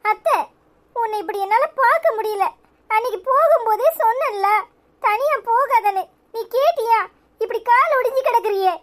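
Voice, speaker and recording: A woman voicing a worried young daughter-in-law in a cartoon serial, speaking with a Tirunelveli accent in a high, fretful, anxious way. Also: moderate pace, a bit bright. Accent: Tirunelveli Tamil.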